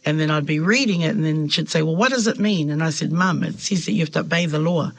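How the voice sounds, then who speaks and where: A gravelly, husky woman, described as New, speaks low and fast; Samoan is her first language. She's a member of parliament giving reflective interview answers, thoughtful and hesitant with fillers but animated when quoting others.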